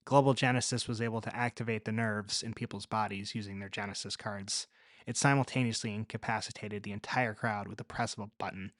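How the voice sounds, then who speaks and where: A man voicing a calm, resourceful young woman survivor, speaking low and matter-of-fact. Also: fairly quick, no room sound, studio quality, lightly acted. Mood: guarded.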